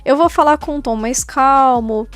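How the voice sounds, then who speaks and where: A woman's voice: high voice, moderate pace, faint music behind. A woman in her twenties talking to the camera in a casual, candid, chatty vlog. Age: 20s. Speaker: YouTuber and cosplayer.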